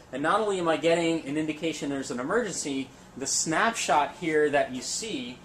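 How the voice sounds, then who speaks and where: A man in his forties, voice a little high, gives an easygoing, plain-spoken technical product demonstration indoors in a lab or demo room. The recording is low quality, and background noise in the room is clearly present.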